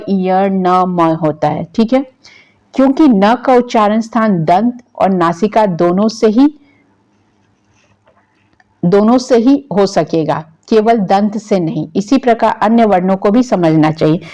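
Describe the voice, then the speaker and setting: A woman's voice: mid-range voice, animated, measured pace, mellow. A woman teaching Sanskrit grammar in an exam-prep lecture, asking questions and answering them herself. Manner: asks questions and answers them herself, repeating key terms.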